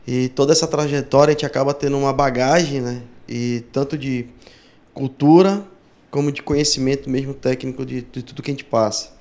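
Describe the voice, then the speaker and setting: A man's voice: medium pitch, fairly even intonation, a little fast, a little mellow. A man hosting a podcast, talking in a friendly, chatty way and often adding tag questions. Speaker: podcast host. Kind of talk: casual podcast interview.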